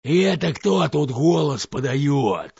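A man voicing a boastful, clumsy male serpent-dragon in a folk tale, with a raspy, gravelly voice and a slow drawl. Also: a little high, lively intonation, a little mellow, no room sound, dull audio, voice pushed up, full character voice.

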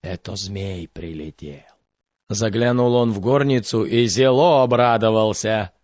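A man telling a fairy tale in a measured, expressive storytelling voice. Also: lowish voice, dry recording, muffled recording.

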